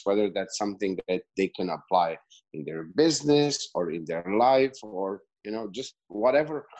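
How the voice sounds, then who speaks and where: A middle-aged Slovenian business coach, appearing as a podcast guest, gives a casual interview answer in a rambling, chatty way full of fillers and restarts. His voice sits fairly low with a darkish tone, and the recording is rough.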